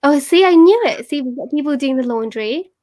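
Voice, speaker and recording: A woman's voice: sits high, brisk. A British woman, a photographer, chatting playfully and laughing often on a live stream. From Britain. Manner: playful, giggly, animated. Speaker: fine art photographer, co-host of live chat. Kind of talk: casual live-stream chat.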